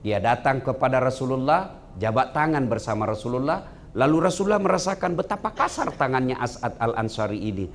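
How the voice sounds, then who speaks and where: A male preacher giving a humorous wedding sermon, teasing the couple and swinging between loud laughing highs and low solemn tones. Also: lively intonation, a little fast, a little hiss or hum. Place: event venue with live audience.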